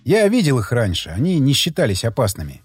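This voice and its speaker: A man narrating a tense first-person story in an expressive reading voice. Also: medium pitch, brisk, husky, no room sound. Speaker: audiobook narrator. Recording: dry close mic with faint music.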